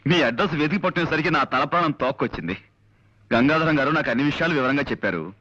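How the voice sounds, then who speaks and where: A man's voice: a little high, lively intonation, quick pace. An actor playing a polite young man who grows exasperated while searching for someone. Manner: polite but exasperated, shouts to be heard by the deaf man. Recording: dull lo-fi film soundtrack.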